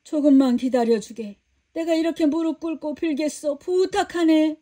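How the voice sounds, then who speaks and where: A woman's voice: high-pitched, normal speed, pitched above the performer's own voice, natural voice. A woman doing a humble poor old man. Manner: old-fashioned, soft and humble.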